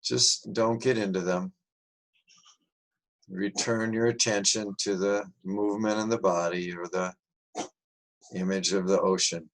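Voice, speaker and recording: Male meditation guide, low voice, very slow, soft and soothing delivery. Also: steady tone, rough recording.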